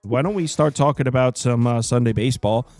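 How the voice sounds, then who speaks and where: A man in his thirties hosting a sports betting show, chatting casually in an animated, jokey, self-deprecating way. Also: mid-range voice, fairly quick, dry recording, soft background music. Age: 30s. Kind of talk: casual chat.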